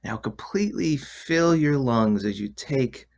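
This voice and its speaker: A man leading a guided relaxation in a soft, soothing, hushed delivery that at times nears a whisper. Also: medium pitch, expressive, measured pace, gravelly. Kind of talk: guided meditation.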